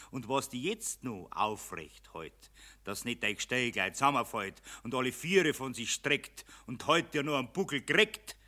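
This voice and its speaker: Sneering bavarian money demon in a radio play, swoops all over the place, bright, drags it out. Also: male voice, medium pitch. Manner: taunting, sneering, gloating laughter. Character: mocking male spirit of money, Mammon, gloating. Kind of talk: broadcast radio play acting.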